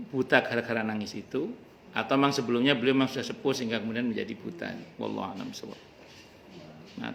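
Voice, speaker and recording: A man's voice: medium pitch, vocal fry, a bit bright, slight background noise. A male religious teacher giving a casual, joking study talk at a home gathering, sometimes reciting Arabic verses. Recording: roomy home recording with faint ambience.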